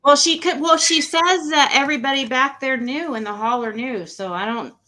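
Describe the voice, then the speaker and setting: A woman's voice: high voice, normal speed, bright, forceful tone. A woman hosting a casual livestream panel, asking questions in an informal, rambling way. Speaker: panel host. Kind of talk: casual true crime livestream chat.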